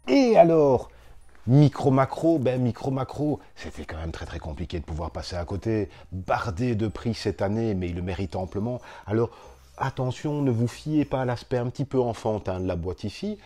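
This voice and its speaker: A man's voice: medium pitch, lively intonation, normal speed, mellow. A man co-hosting a casual chat, enthusiastically explaining board games. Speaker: board game reviewer co-host.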